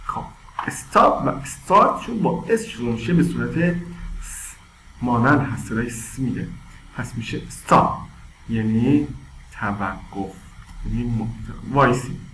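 A man's voice: medium pitch, animated, fairly bright tone. A man teaching English vocabulary to schoolchildren, stressing and drawing out each word's pronunciation and checking in with frequent questions. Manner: drawn-out, stressed word pronunciation with rising emphasis; repeats and quizzes with frequent "okay?". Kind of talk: vocabulary lesson for children. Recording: roomy with faint background noise.

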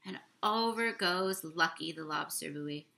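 A young adult woman reads a picture book aloud to children in a small room, drawing out words expressively, talking through the pictures and asking her listeners questions. Her low voice is a little slow, with vocal fry and a sharp tone.

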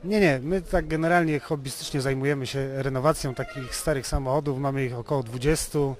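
A Polish man who owns a classic car and restores cars as a hobby is interviewed informally, explaining at length and often rephrasing himself. His medium-pitched voice stays steady and runs a little fast.

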